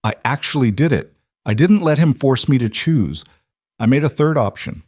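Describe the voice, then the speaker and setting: Guy doing a poised lady ceo, firm and measured, pitched up a bit, dry close sound. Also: expressive, darkish tone, husky, no echo. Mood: relieved. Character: composed female CEO, a young mother. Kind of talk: storybook narration.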